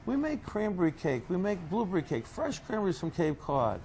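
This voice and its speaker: A man's voice: high voice, very animated, fairly quick, crowd noise. A man with a Boston accent telling stories in an interview as a small business owner, in a joking, salesman-like way. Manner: jokey, salesman-like. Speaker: coffee cake company owner. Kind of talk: animated interview storytelling.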